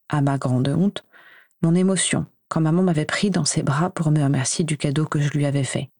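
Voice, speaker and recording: A woman reading a first-person story aloud in a steady, even narration. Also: low voice, no room sound, studio quality. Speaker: audiobook reader.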